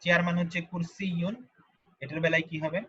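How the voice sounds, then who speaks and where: A man teaching Arabic grammar in a lesson, who patiently repeats each form slowly and asks the learners questions. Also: fairly high pitch, little pitch movement, fairly bright tone, breathy edge, dull audio. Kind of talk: online grammar lesson explained in Bengali.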